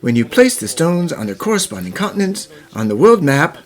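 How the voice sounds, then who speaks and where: Man acting a gentlemanly professor with sweeping intonation. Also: a little high, big pitch swings, soft background music. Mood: explanatory. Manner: composed, formal, measured explanations. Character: gentlemanly puzzle-solving professor, thoughtful, devoted father. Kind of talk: animated fan dub acting.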